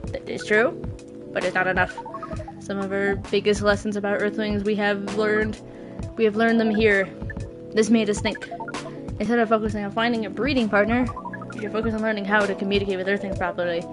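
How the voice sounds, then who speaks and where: A woman's voice: mid-range voice, little pitch movement, fairly quick, over music. Woman doing a stiff robot-voiced alien. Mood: stiff formal. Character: formal alien visitor in a robot voice. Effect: robot voice, put on by mouth. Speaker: streamer voicing game characters. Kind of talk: reading game dialogue aloud.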